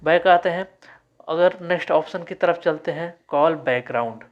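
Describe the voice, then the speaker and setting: A man talks through a phone's call settings step by step, in a slightly high voice. He reads each menu label out slowly and often stops to correct himself. The voice-over sounds dull and lo-fi. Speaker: tech tutorial host. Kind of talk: screen-recorded phone settings walkthrough.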